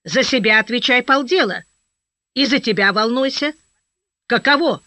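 A woman reading an audiobook, voicing a burly, gruff male army officer who barks and then talks bluntly and kindly. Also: a little high, moderate pace, no room sound. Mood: blunt reassurance. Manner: barks, then softens into blunt fatherly talk. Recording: dry, slightly dull audio.

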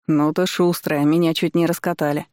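A woman's voice: sits low, flat delivery, moderate pace, darkish tone, dry recording, close to an everyday voice. A woman voicing a cocky young village man who keeps teasing and provoking, recorded dry and close.

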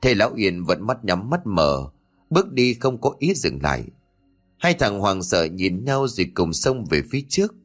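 A male storyteller narrating a ghost story in a low voice. His delivery is dramatic and expressive, rising and falling through a lively range. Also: normal speed, soft background music.

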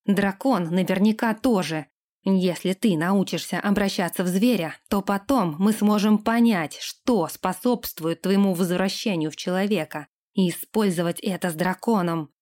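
A woman's voice: mid-range voice, normal speed, a little mellow, lightly acted. A woman reading an audiobook, voicing a scheming, harsh young lord who gives orders. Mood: angry. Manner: harsh, commanding.

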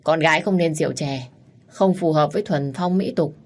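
A woman voicing a reserved, old-fashioned wealthy man who lectures calmly in an audio story. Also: low-pitched, brisk. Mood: lecturing. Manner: calm, lecturing.

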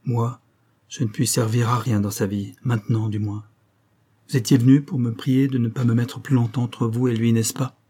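A man voicing a calm, self-sacrificing young woman, in a measured, earnest way. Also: medium pitch, breathy edge, lightly acted.

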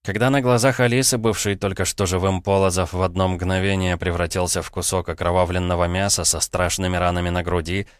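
A man narrating a story as an audiobook reader, with steady, even storytelling. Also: sits low, fairly quick, hardly any pauses, clear, resonant tone, no room sound, studio quality. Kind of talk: scripted narration.

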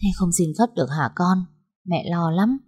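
A woman's voice: fairly low pitch, expressive, normal speed, darkish tone, breathy edge. A woman voicing an anxious, protective elderly mother who pleads with her daughter. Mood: worried.

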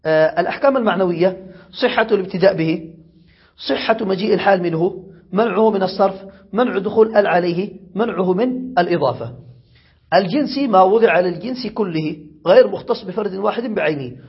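A grammar teacher from Yemen with a high, very husky voice, pausing to ask if the class follows. The recording is dull and lo-fi. He repeats each example before moving on. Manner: asks checking questions, repeats examples.

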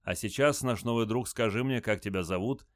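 A man's voice: lowish voice, brisk, dry recording, clean studio sound, natural voice. A man voicing a stern, commanding starship captain in an audiobook. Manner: firm, commanding.

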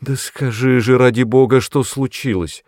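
A timid, anxious mother, fretful and pleading, as a male narrator voices her. Her voice sits higher than his own low register, in a dry, close storybook reading. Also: moderate pace, dark tone, no echo, lightly acted.

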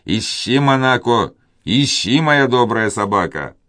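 A man voicing an excitable buccaneer who shouts eagerly. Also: mid-range voice, normal speed, pitched above the performer's own voice. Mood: excited.

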